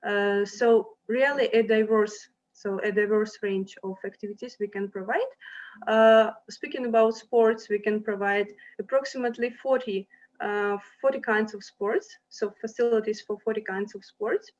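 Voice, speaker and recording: A woman's voice: mid-range voice, steady tone, normal speed, darkish tone. Friendly woman presenting, many fillers, lo-fi. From Ukraine. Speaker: university representative. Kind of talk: online presentation to applicants. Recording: dull lo-fi sound.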